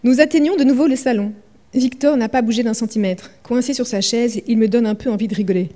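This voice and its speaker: A woman's voice: a little high, fast talker, dark tone. A woman novelist vividly reading her own writing aloud at a library event, then speaking about her work. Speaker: author.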